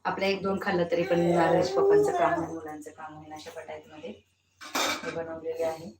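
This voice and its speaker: A woman's voice: sits low, expressive, a little fast, over a noisy crowd. A woman cooking at home and chatting to viewers while coaxing and scolding a small child. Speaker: home cooking vlogger and mother. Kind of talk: casual cooking vlog chat. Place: home kitchen. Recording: echoey room, voice far from mic, noisy background.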